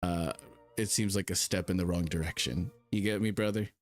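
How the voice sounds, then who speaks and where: Rambling low-voiced man role-playing, music behind. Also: steady tone. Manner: rambling, halting, slangy, calls people brother. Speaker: player in a tabletop role-playing game. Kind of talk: casual improvised role-play and narration.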